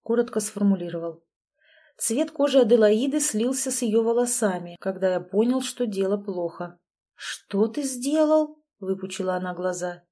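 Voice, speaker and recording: Mellow woman reading a story. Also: mid-range voice, normal speed. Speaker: audiobook reader. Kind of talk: scripted narration.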